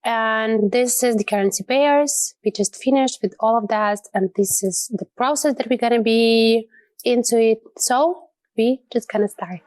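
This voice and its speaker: A woman hoarse from illness, her voice sitting lower than normal as she rambles through live trading commentary. She talks in a chatty, loose way with small laughs. The sound is close and dry, with no room around it. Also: a little slow, darkish tone, dry recording. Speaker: trading channel host. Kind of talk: casual trading commentary over a screen recording.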